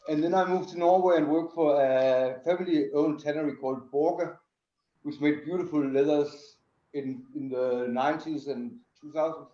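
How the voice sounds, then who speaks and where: A middle-aged Danish man, the sustainability director of a tannery, explains his work as an interview guest. His voice is fairly high and warm, captured in a roomy, dull lo-fi recording.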